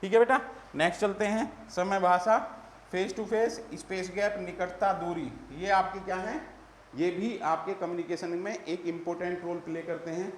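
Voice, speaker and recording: A man's voice: high voice, fairly even intonation, moderate pace, roomy sound, slight background noise. A male teacher giving an exam-prep lecture, calling his students "beta" and repeating the key terms.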